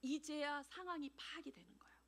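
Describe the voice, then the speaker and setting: A woman missionary preaching a sermon in a church, animated and acting out everyday dialogues. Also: high voice, brisk. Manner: animated, acts out dialogues, laughs often.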